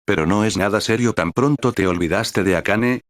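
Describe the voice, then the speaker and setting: A man voicing a sly, money-grubbing teenage girl in a flat, unimpressed drawl, in a read-aloud story. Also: on the low side, normal speed, dry recording, natural voice. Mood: bored, teasing.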